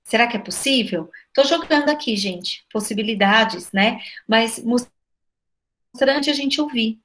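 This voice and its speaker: A woman with a Brazilian accent and a slightly high voice speaks in a relaxed, conversational way. She keeps firing off rhetorical questions and tags them with little checks for agreement. It sounds like a school director on a video call with fellow educators. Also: unhurried, a little hiss or hum. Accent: Brazilian Portuguese. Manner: lively, asks many rhetorical questions, frequent "né?".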